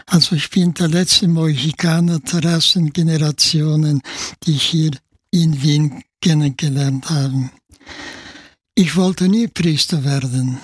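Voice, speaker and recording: A man in his nineties, from Spain, with a Spanish accent, speaking German as a priest guest in a radio interview, halting and peppered with "ja". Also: on the high side, steady tone, breathy edge, no echo. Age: 90s. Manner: halting, with frequent filler "ja" and restarts.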